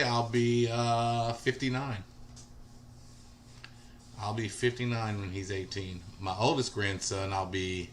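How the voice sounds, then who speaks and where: Chatting casually on his livestream, this host in his forties replies to viewers' comments by name. He has a lowish voice with a fairly bright tone, and a bit of background noise is audible.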